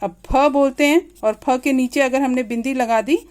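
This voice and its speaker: A woman teacher giving a grade-school grammar lesson, slowly and patiently repeating each example aloud. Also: high voice, steady tone, darkish tone.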